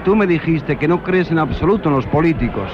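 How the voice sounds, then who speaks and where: A man's voice: on the high side, expressive, fairly quick, muffled recording, background noise. A man interviewing a guest outdoors at a street event, asking formal questions, heard on an old radio recording.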